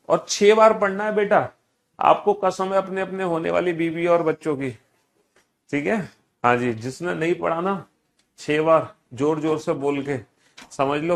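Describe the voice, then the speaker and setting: A man teaching a class, repeating each instruction and coaxing students with affectionate teasing as he drills them. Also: fairly high pitch. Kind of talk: classroom lesson.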